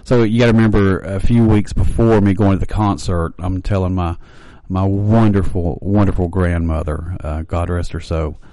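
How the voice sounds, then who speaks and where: Folksy low-voiced radio host. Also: male voice, fairly even intonation, moderate pace, few pauses, warm tone, dry recording, poor audio. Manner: folksy storytelling, laughs easily. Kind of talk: casual on-air chat.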